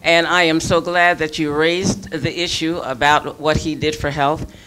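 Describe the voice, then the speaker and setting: A woman's voice: low-pitched, steady tone, measured pace, fairly bright tone, slight background noise, rough recording. A woman in the audience makes an earnest, emphatic comment to a panel.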